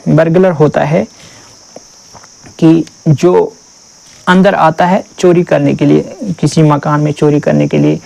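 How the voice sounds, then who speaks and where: Gravelly, dark-voiced man teaching vocabulary. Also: fairly high pitch, little pitch movement, poor audio. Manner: drills terms with repeated questions; reads English definitions slowly. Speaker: English teacher. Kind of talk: exam vocabulary lesson.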